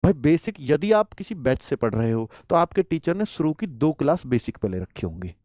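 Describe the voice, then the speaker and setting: A man teaching as an exam coach, giving students animated advice and calling them "kids" and "brother". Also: on the high side, normal speed, no room sound, studio quality. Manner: animated, addresses students as "bachhon" and "bhai". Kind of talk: motivational exam advice talk.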